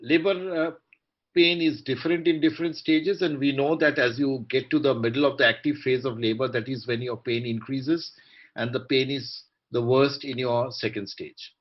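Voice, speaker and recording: An Indian-accented man with a polite, measured, articulate manner, moderating a formal online panel of doctors. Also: medium pitch, fairly even intonation. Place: online video call. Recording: dull, muffled video-call audio.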